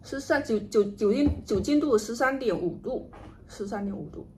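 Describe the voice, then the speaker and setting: A woman with a fairly high voice talks casually to viewers over her meal and drink. She muses without hurry and drops into murmured asides. There is clear background noise around her voice. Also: expressive, normal speed, a little mellow. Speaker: vlogger doing an eating and drinking livestream. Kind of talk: casual chat to camera while eating and drinking. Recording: noticeable background noise, home ambience.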